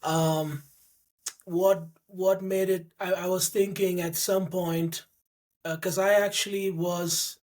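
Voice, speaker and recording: A man's voice: sits high, flat delivery, slow pace, a little mellow. A man in his thirties from India, a podcast guest who speaks hesitantly, often restarting his sentences. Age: 30s. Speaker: guest, mobile technician. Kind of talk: casual podcast interview.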